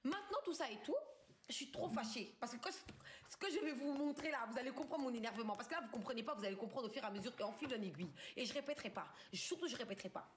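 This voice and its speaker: A woman's voice: a little high, animated, fast talker, slight background noise. A woman in her twenties from France, ranting angrily in street slang and swearing as she tells a story on a live stream from her bedroom. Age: 20s. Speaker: livestreamer. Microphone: phone camera.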